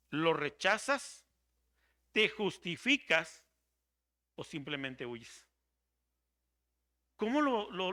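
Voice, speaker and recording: A man's voice: high-pitched, sharp tone. A man preaching a sermon as pastor, dramatic and theatrical, acting out the voices of the people he quotes.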